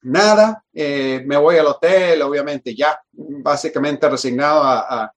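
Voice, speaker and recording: A man with a fairly high voice tells a long story in a relaxed, conversational way. He is animated, often restarts his sentences and repeats words as he goes. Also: unhurried. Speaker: guest telling a work story. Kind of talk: casual anecdote storytelling.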